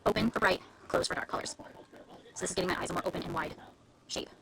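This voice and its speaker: A woman's voice: fairly low pitch, fast talker, crowd noise, rough recording. A woman beauty influencer giving a chatty, step-by-step live makeup tutorial at home. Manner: chatty, explains step by step in detail. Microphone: live-stream camera mic.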